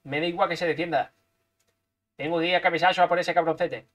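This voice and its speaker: A man's voice: on the high side, fairly even intonation, fast talker, fairly bright tone. A man from Spain, commentating his own gameplay live, playful and full of repeated sound effects. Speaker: gaming streamer.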